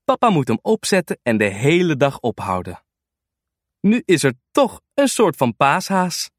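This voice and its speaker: Man reading a kids book, slightly high voice, takes it slow. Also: dry recording, studio quality. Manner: animated and unhurried. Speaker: storyteller. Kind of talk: children's storybook reading.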